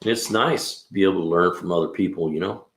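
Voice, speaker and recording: Speaking fast in a low voice, a sixty-something mechanic runs a casual livestream chat from an echoing garage. His manner is laid-back and meandering, dotted with frequent "man" and "you know."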